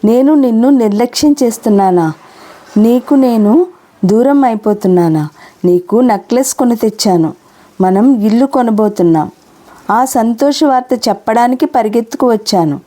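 A woman's voice: on the high side, lively intonation, normal speed, dark tone. A woman voicing a busy, impatient young husband in an audio novel, speaking in brusque, exasperated questions. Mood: indignant.

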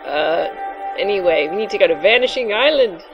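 A woman's voice: mid-range voice, lively intonation, fairly quick, lo-fi sound. A woman hosting a game playthrough with casual, playful chat. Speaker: let's play host. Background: game music.

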